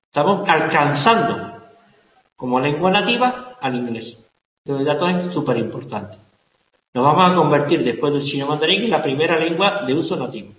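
Guy lecturing a class, kinda high voice, keeps repeating stuff, big echoey room. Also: a bit bright. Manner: emphatic, repeats key words, asks the class questions. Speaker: university lecturer. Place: lecture hall.

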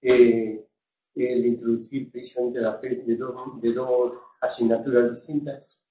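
A man's voice: mid-range voice, level tone, a little slow, mellow, lo-fi sound, slight background noise. Hesitant man asking in a roomy class. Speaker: student. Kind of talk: question in class.

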